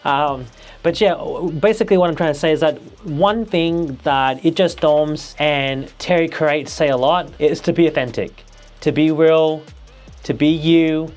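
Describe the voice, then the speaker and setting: A man, a nervous vlogger talking casually to camera with many restarts and fillers. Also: on the high side. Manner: hesitant, restarts and fillers, motivational.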